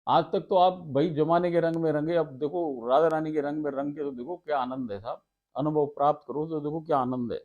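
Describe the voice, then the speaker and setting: Heard with phone-quality sound, a man with a brisk, somewhat high voice tells a devotional talk, chatting warmly and laughing often between scripture readings. The homely storyteller addresses his audience as sarkar.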